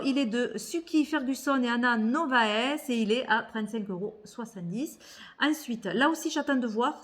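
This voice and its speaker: A woman's voice: fairly high pitch, fairly bright tone. A woman vlogger chatting casually about tarot decks, thinking aloud and often repeating words as she hesitates. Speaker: tarot and oracle card vlogger. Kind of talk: casual haul chat.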